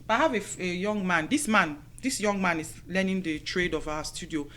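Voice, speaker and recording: A middle-aged woman talks warmly and conversationally into a studio microphone, offering everyday advice in a chatty, motherly way. She drifts through her points with frequent "you know" asides, sounding like a friendly radio host chatting with her listeners. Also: lowish voice, fairly quick. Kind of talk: casual advice talk to women listeners.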